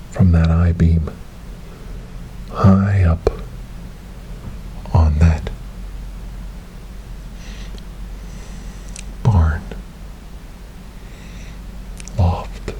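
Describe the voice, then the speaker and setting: Playing a calm government paranormal investigator in a whispered ASMR horror role-play, a low-pitched man keeps things hushed and ominous. He is soft, breathy, deliberate, repetitive and hypnotic, often whispering, heard through a close binaural mic in a noisy recording.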